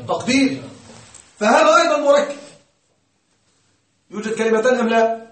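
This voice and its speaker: A man's voice: very high voice, lively intonation, moderate pace, a bit bright. A man teaching grammar to a class, often asking a question aloud and then answering it himself. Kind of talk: classroom lecture. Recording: roomy, distant mic.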